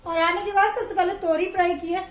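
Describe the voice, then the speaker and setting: A woman's voice: extremely high pitch, fairly even intonation, brisk. A woman in her thirties chatting casually at home in a family vlog, often asking viewers to agree with her. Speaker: family vlogger.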